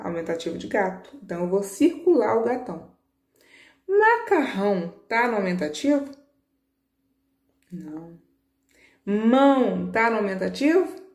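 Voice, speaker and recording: A woman teacher patiently walking children through a worksheet, stretching key words slowly and checking in with short questions. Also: medium pitch, darkish tone, reverberant. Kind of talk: children's lesson walkthrough.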